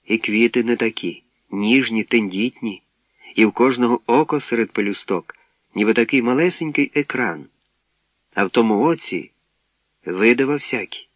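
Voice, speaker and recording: A man voicing an eager, impulsive young boy on a space voyage, exclaiming excitedly, on a dull, dry recording. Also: mid-range voice, moderate pace, no room sound, close to an everyday voice. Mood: earnest.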